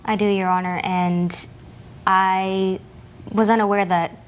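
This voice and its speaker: A woman in her twenties speaks as a defendant on a court show. Her voice sits at a middling pitch. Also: flat delivery, slow, clean tone. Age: 20s.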